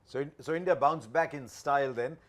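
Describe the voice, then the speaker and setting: A man's voice: medium pitch, fairly quick. A man hosting a cricket show, presenting and putting questions in a conversational studio style.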